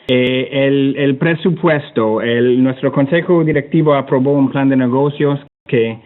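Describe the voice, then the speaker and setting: Hesitant and halting, a Canadian-accented man repeats words as he gropes for them while presenting slides informally. He sits on a webinar panel on behalf of a climate technology organisation, his mid-range voice coming through a narrow, tinny connection that sounds like a phone.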